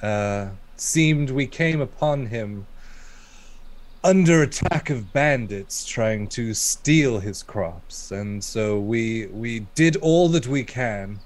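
A man plays his character in a tabletop game. He drawls slowly, with stiff, old-fashioned phrasing. His pitch moves widely. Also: animated, slight background noise. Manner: slow, drawling, formal speech. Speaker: player.

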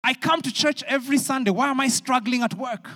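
A man's voice: extremely high pitch, a little fast, pushed and bright. A middle-aged man preaching a sermon as pastor, telling a story animatedly and acting out his younger self. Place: large church hall. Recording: long hall reverb.

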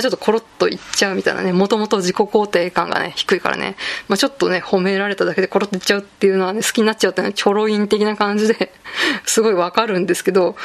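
Chatty woman around forty with gravelly fry. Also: mid-range voice. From Kanto region, Japan. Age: late 30s to 40s. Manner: chatty, frequent fillers and asides, self-deprecating fan talk. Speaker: podcast host. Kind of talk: casual solo podcast talk, manga review.

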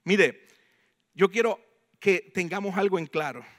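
A man with a Puerto Rican accent preaching a sermon, swinging between loud proclamation and hushed emphasis. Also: high-pitched, measured pace. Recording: long hall reverb.

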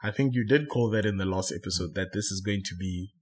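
A man hosting a casual football chat, often pausing with fillers and correcting himself. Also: low voice, darkish tone, breathy edge. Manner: hesitant, self-correcting, many fillers. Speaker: podcast host.

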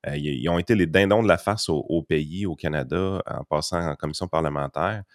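Un homme à l'accent québécois, coanimateur de balado, qui parle franchement et familièrement et pose des questions. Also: male voice, a bass voice, a little fast, no room sound, clean studio sound. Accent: Québécois French. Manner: frank, colloquial, asks questions. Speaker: podcast co-host. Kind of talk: casual chat.

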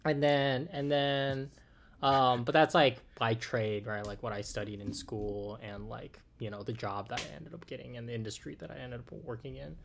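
A podcast guest in his twenties from Oakland, California, chats casually with a Californian accent, rambling, saying "like" a lot and swearing occasionally. His mid-range voice is gravelly and fairly even at a normal pace, with a little hiss or hum.

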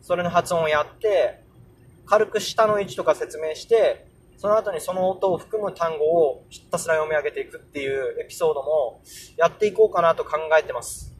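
A man's voice: a little high, moderate pace, breathy edge. A young man casually hosting a solo podcast, explaining English pronunciation and sounding out example words aloud. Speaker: podcast host.

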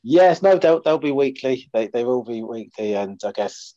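A man's voice: mid-range voice, expressive, moderate pace, mellow, no room sound. Essex man chatting casually, dull dry recording. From Essex, England. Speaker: comedian, podcast guest. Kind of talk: casual chat.

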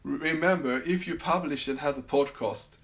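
Speaking at a moderate pace, this podcast host has a somewhat high, slightly bright voice. He's from Sweden, carries a Swedish accent, and chats casually on his own from a summer house, with plenty of fillers and restarts.

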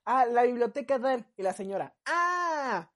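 A woman's voice: mid-range voice, fairly quick. A young adult woman with a Mexican Spanish accent, co-hosting a podcast and telling a story in casual chat, acting out her friends' lines. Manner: animated, acts out friends' lines. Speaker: podcast co-host.

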